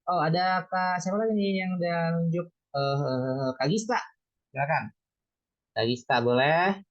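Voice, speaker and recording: A woman's voice: on the low side, a little slow. Encouraging woman teacher on a dull call. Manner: encouraging, calls on students by name, repeats syllables. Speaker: Mandarin teacher. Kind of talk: online beginner class teaching. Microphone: video call. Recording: slightly dull lo-fi sound.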